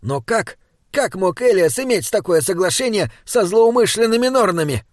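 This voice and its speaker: A man's voice: high-pitched, lively intonation, normal speed, dry recording, studio quality, pitched above the performer's own voice. A man voicing a small, earnest male troll sage who speaks in stilted, oddly phrased sentences. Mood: pondering. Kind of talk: audiobook character reading.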